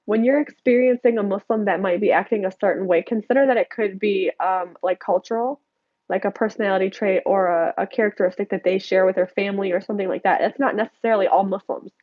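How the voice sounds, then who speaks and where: A woman's voice: medium pitch, fast, no echo, muffled recording. A young American woman answering viewer questions on a casual live stream, congested and nasal from allergies, chatty and candid as she reads out comments. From United States. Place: home desk.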